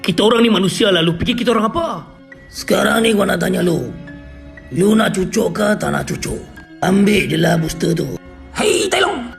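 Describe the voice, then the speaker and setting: A man puts on a brash, gravelly talker, high-pitched and jeering. He rants in a mocking, confrontational way, with faint music behind him. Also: exaggerated voice. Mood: heated. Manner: mocking, confrontational slang rant.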